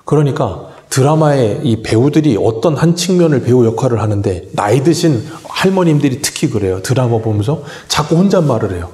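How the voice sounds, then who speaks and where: A man's voice: medium pitch, lively intonation, fairly quick, few pauses, mellow, roomy sound. A man preaching a morning sermon as pastor, asking the congregation questions and answering them himself. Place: church sanctuary.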